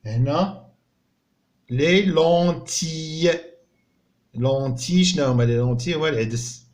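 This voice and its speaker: A man with a Moroccan accent teaching a French reading lesson to young pupils. He sounds out each word slowly and clearly, then explains it quickly. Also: mid-range voice, a little mellow. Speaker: primary school teacher.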